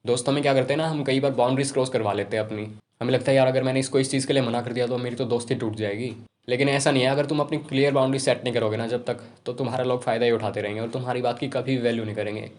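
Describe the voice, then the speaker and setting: Fast-talking young man giving advice. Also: mid-range voice, fairly even intonation, darkish tone. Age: young adult. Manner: rapid, conversational, informal. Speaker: self-improvement YouTuber. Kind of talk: casual advice talk to camera.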